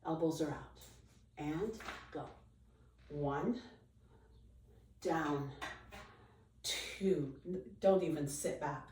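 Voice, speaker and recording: Woman aerobics instructor, slow counts n short encouraging cues, echoey room, mic kinda far away. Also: deep voice, a little mellow, a little hiss or hum. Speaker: fitness instructor leading a chair workout. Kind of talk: aerobics instruction, counting reps and cueing form. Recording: roomy echo, distant microphone.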